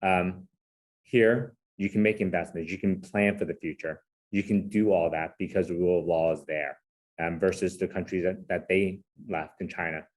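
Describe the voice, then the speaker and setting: A man who grew up in Hong Kong and San Francisco, speaking as an interview guest in a relaxed, self-deprecating way and often tagging his points with "right?". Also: deep voice, moderate pace. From Hong Kong, raised in San Francisco. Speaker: guest, corporate chief legal officer. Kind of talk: casual interview conversation.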